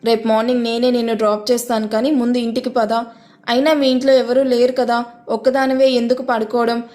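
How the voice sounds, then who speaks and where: A man's voice: very high voice, level tone, a little fast, darkish tone. A woman reading an audio story, voicing a possessive, violent young man who speaks in a cold, commanding way. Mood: coaxing.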